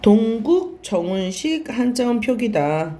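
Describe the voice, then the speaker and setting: A woman's voice: on the high side, very animated, takes it slowly, warm tone, slight background noise. A woman teaching a classroom lecture, asking questions and answering them herself, and repeating and stretching key words. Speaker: Korean language teacher.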